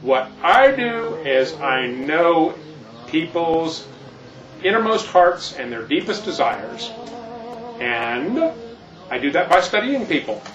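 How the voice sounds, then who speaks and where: A man's voice: on the high side, very animated, slow. A man playing Santa Claus as an older keynote speaker, explaining things in a folksy, meandering way. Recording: echoey, distant, muffled, music behind.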